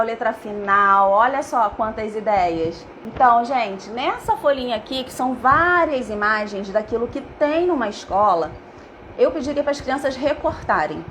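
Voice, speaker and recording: A woman's voice: on the high side, a bit bright, a little hiss or hum, rough recording. A middle-aged woman with a Brazilian Portuguese accent, a teacher giving a live online lesson and often checking in with her viewers. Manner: addresses viewers as "gente", checks in with "né?" and "tá?".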